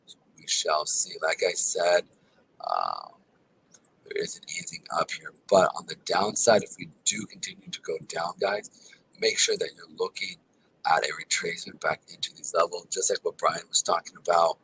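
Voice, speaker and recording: A man's voice: deep voice, lively intonation, moderate pace, creaky, fairly bright tone, a little hiss or hum, low-quality recording. A man giving live market chart commentary in a casual, filler-heavy way, calling his viewers guys, tired and with a sore throat. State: tired and exhausted; throat not feeling well. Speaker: crypto charting analyst.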